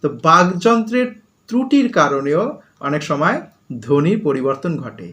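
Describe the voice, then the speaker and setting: Man teaching slowly, repeating key phrases. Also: fairly high pitch, sing-song, a bit bright. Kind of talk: spoken grammar lesson for school students.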